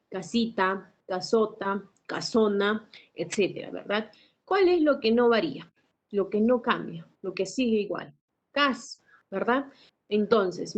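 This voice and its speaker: A woman teacher gives a classroom lecture at an ordinary mid pitch. She keeps asking her students tag questions and clears her throat now and then. The recording sounds dull and lo-fi. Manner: asks frequent tag questions.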